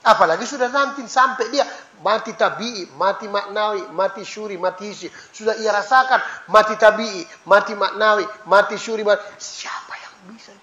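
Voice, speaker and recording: A man preaching a lively, joking mosque sermon, acting out prayers in a hushed low voice. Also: moderate pace. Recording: echoey mosque, slightly dull sound, faint noise.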